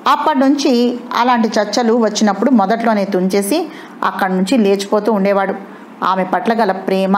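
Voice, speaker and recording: Brief: woman narrator, steady, measured storytelling, mid pitch. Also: slight background noise. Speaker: audio novel narrator. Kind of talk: scripted novel narration.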